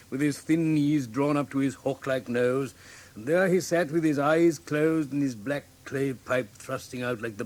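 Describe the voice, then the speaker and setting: An actor playing a good-natured, bluff Victorian English doctor and loyal companion, with an English accent, in a classic radio drama. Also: male voice, medium pitch, lightly acted. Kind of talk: classic British radio drama acting and storytelling.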